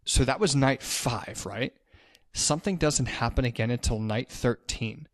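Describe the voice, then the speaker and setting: A man's voice: medium pitch, unhurried, no room sound, clean studio sound. A man co-hosting a casual podcast, animatedly retelling a horror movie scene by scene, swearing often and acting out the characters' lines. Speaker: podcast co-host recapping a movie. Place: his house.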